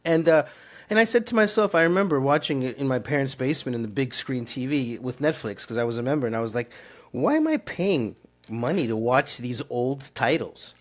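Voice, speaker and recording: A middle-aged Turkish startup founder tells his story in an interview, earnest and rambling, full of fillers and restarts. His mid-range voice is expressive and a little fast.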